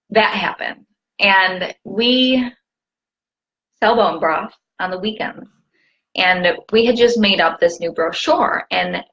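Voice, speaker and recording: A woman's voice: mid-range voice, a bit bright, dull audio. A woman who works as a wellness coach tells a candid, rambling story on a live stream and breaks off to answer viewer comments. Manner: chatty, rambling, reads viewer comments aloud.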